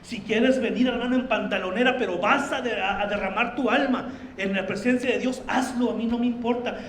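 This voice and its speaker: A man's voice: very high-pitched, fairly even intonation, brisk, a bit bright, slight background noise. A man preaching a fervent sermon as pastor, often calling his listeners brother, in a church sanctuary. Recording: roomy church echo.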